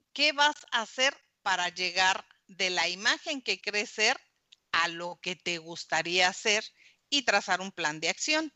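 A woman's voice: medium pitch, sharp tone, dry recording. A woman co-hosting a radio show, speaking in a polite, formal way. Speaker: radio co-host. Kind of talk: radio segment sign-off and chat.

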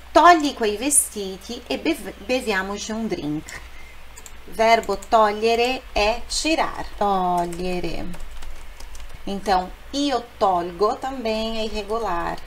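Slow, patient woman teaching a lesson. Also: medium pitch, a little hiss or hum, low-quality recording. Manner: explains patiently, repeats phrases slowly. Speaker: Italian teacher. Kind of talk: language lesson.

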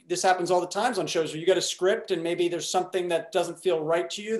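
A man moderating a panel, upbeat and friendly as he takes audience questions. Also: sits high. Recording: echoey room.

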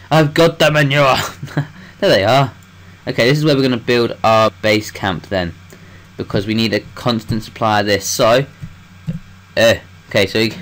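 A man's voice: lowish voice, a bit bright. A young man gives let's-play commentary, rambling to himself as he plays and swearing freely. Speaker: gameplay commentator.

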